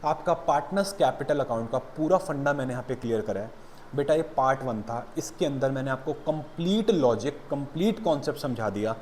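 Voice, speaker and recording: A man's voice: mid-range voice, expressive, brisk, a little mellow, slight background noise. A man teaching an accountancy lesson, calling his students "beta" and mixing explanation with blunt motivational scolding. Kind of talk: classroom lecture.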